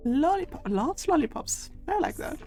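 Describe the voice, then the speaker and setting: A woman, running a tabletop game as game master on a stream, quick and chatty with frequent laughs. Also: high-pitched, very animated, dark tone, soft background music.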